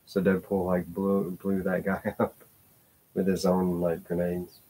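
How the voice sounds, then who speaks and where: Man, casual vlogger, low voice, meandering and hesitant, swears offhandedly. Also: completely flat delivery, unhurried, warm tone, a little hiss or hum. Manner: rambling, hesitant, with many fillers and restarts. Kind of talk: casual rambling vlog talk.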